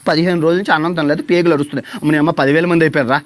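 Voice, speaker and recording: Fast-talking sarcastic Telugu man. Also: on the high side, fairly even intonation, no echo. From India. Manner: sarcastic, pleading, theatrical. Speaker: travel vlogger on a livestream. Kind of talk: mocking livestream rant.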